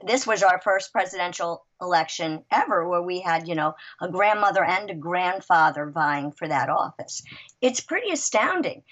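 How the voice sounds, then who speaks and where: A woman in her sixties, a writer and guest, chatting in an interview, lively and emphatic, with frequent restarts. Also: on the low side. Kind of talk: casual interview chat. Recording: dull lo-fi audio.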